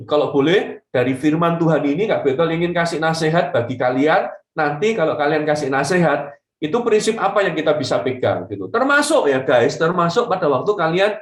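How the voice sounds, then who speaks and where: A man gives a casual youth sermon in a somewhat high voice. His talk is chatty and animated, full of slang and English asides. The recording is echoey, as if made in a reverberant room. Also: a little fast. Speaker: youth preacher.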